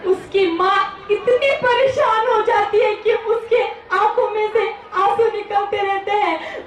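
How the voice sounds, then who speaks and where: A girl delivers an emotional, dramatic story speech at a public Republic Day event, over an echoey public address from far off. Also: extremely high pitch. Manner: dramatic, tearful recitation.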